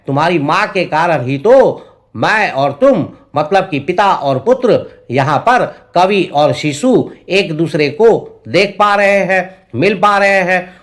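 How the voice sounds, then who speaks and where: A man's voice: high voice, a bit bright. A male tutor explaining a poem line by line, repeating each verse and paraphrasing it in simple words. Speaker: Hindi tutor.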